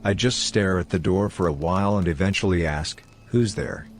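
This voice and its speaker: A man giving a steady first-person narration of online horror stories. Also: sits low, moderate pace, a little hiss or hum.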